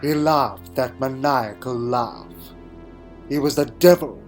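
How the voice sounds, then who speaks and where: A man's voice: medium pitch, loud music behind the voice, close to an everyday voice. A man playing an eccentric, wry Time Lord adventurer, delivering a theatrical, brooding monologue in a fan audio drama. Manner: theatrical, brooding, with dramatic pauses and sudden exclamations.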